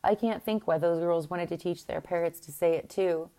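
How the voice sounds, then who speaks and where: A woman's voice: lowish voice, fairly even intonation, normal speed, warm tone, natural voice. A woman voicing a stern, prim queen in a storybook reading.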